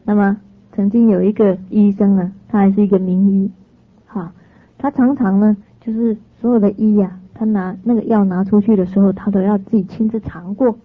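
A woman teaching a sermon through lively stories, often laughing and correcting herself. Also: mid-range voice, moderate pace, husky, no echo. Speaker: dharma teacher. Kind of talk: storytelling sermon to an audience. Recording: dry, slightly dull lo-fi sound.

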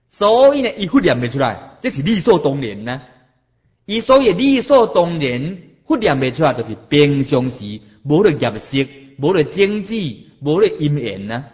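A middle-aged man delivers a Buddhist sermon in a slightly high voice, stretching phrases out and asking rhetorical questions as he preaches. His pitch rises and falls in lively swings. The recording sounds dull and lo-fi.

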